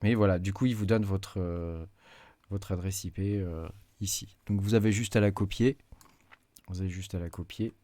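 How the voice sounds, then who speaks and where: A man's voice: low voice, fairly even intonation, normal speed, dark tone, no room sound. A man giving a casual screen-recorded tutorial, hesitant with many fillers as he clicks through menus at his desk mic. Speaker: tech YouTuber.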